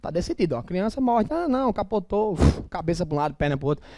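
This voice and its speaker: A middle-aged male teacher with a Northeastern Brazilian accent gives a classroom lecture in a high voice that leaps up and down. He is emphatic and colloquial and throws in blunt asides. The sound is dry and close. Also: expressive, rapid-fire, mellow, no echo.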